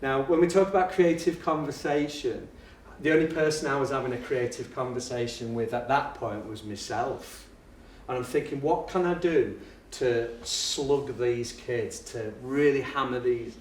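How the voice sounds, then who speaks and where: Animated man telling classroom tales. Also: mid-range voice, measured pace, hardly any pauses, a little hiss or hum. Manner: lively, self-mocking, acts out the voices in his story. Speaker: teacher and education speaker. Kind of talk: anecdotal storytelling to a live audience. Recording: echoey room, voice picked up from a distance.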